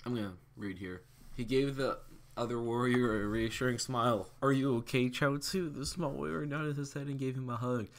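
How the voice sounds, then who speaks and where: A man's voice: medium pitch, steady tone, normal speed, slight background noise. A young man casually reading fan fiction aloud, stumbling over words and correcting himself as he goes. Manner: stumbling, self-correcting, chuckling asides.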